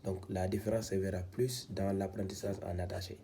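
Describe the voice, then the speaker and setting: A man's voice: deep voice, flat delivery, brisk, gravelly, warm tone, a little hiss or hum. A man teaching how to read script, patiently sounding out syllables one by one in a step-by-step lesson. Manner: patient, repeats syllables one by one, frequent "donc". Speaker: Quran reading teacher.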